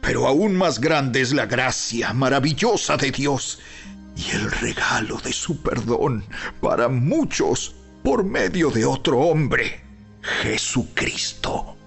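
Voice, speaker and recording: A man narrates scripture in a solemn, emphatic style, taking his time and leaving weighty pauses. His voice is husky with a gravelly grain, and soft music plays behind him. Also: medium pitch, animated. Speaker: Bible narrator. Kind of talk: dramatized scripted Bible narration. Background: background music.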